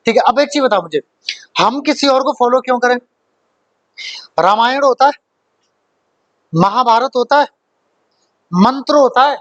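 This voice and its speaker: A man's voice: extremely high pitch, unhurried, long pauses, a bit bright, no echo, lo-fi sound. Male grammar teacher, live online class, chatty and joking, keeps asking if students follow, dry close sound. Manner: chatty, joking, full of rhetorical questions and checks like "okay?".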